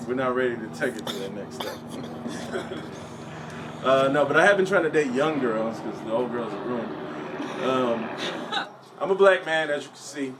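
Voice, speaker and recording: A man's voice: medium pitch, animated, moderate pace, long pauses. A young man works through a stand-up set in a loose, profane, conversational way, his voice swinging widely up and down. He is picked up from across the room on a noisy recording. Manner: profane, conversational, punchline-driven. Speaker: stand-up comedian. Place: comedy stage. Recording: distant, noisy stage recording.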